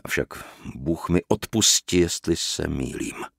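A man voicing a cautious, reserved country gentleman who speaks slowly and gravely in an audiobook. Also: animated, no room sound, clean studio sound, exaggerated voice. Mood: grave, hesitant. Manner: slow, low, hesitant and grave. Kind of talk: audiobook character reading.

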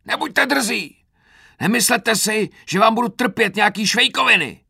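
A man's voice: lowish voice, animated, bright, forceful tone, no echo, studio quality. A man voicing a short, stocky drill sergeant who bullies recruits with barked orders. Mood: bellowing. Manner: bellowing commands, sneering. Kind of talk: audiobook character voice.

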